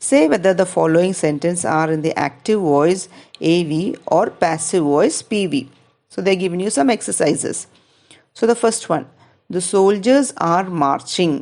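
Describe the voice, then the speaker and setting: Woman, Malayali English accent, grammar lesson, patient, slow and measured, lowish voice. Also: animated, gravelly, mellow. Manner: patient, mixes Malayalam and English, reads sentences aloud slowly. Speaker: English teacher. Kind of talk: explaining grammar exercises to pupils.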